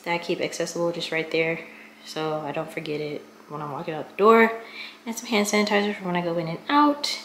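A woman's voice: lowish voice, brisk, fairly bright tone. A young woman chatting casually to viewers while she does chores at home, filmed on a camera mic as she moves around. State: out of breath. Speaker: vlogger. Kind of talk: casual vlog chat. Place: small apartment at home, indoors. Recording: echoey room with noise.

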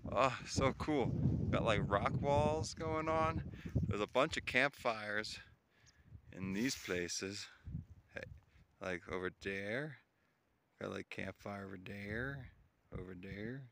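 Lowish and fairly bright, this man's voice moves slowly, with long pauses, as he vlogs his solo hike across windy, open mountain ground. Chatting, chuckling and marveling at the scenery, he speaks into a handheld phone or camera while walking, in a noisy outdoor recording with clicks.

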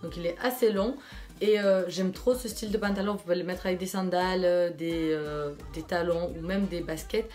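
A woman's voice: on the low side, steady tone, moderate pace, darkish tone, faint music behind. A young woman from France chatting casually through a clothing try-on haul, enthusiastic and full of fillers. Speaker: fashion vlogger.

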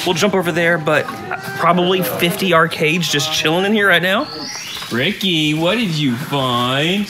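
A man in a sweltering Florida warehouse talks eagerly about the retro games he finds, his voice sitting a touch high for a man. He sounds enthusiastic and casual, and music plays behind him. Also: a little slow. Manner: excited and enthusiastic. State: sweating in the heat. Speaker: video game collector and YouTube host. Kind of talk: casual vlog chat.

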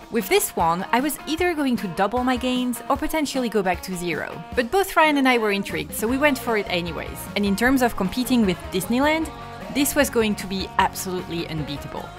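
Woman narrating a travel vlog. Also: mid-range voice. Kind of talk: scripted voice-over narration. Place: voice-over, not recorded on location. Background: background music.

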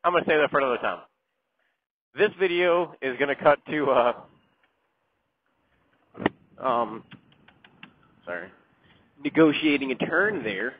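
Out on his moving motorcycle, this middle-aged man chats through a helmet mic that comes across tinny and muffled against the road noise. His slightly high, breathy voice is expressive and measured, with long pauses between self-mocking, filler-heavy jokes.

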